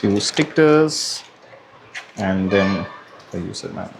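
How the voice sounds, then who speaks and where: This vlogger's voice sits low, with lively intonation and a slow delivery. He unboxes a product in a relaxed, hesitant way, musing aloud at each step, while room ambience and background noise come through clearly.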